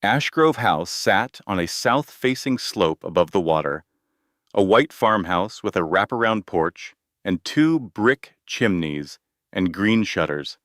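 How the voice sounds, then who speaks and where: A man narrating a scripted story in short, deliberate sentences. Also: low-pitched, lively intonation, fairly bright tone, no room sound, clean studio sound.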